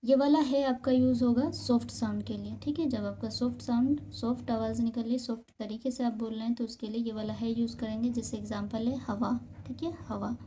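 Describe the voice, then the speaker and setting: A woman's voice: a little high, fairly even intonation, fairly quick, hardly any pauses, warm tone, a little hiss or hum. A woman teaching beginners the alphabet, patiently repeating each example word. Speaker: Urdu teacher. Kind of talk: beginner's Urdu alphabet lesson.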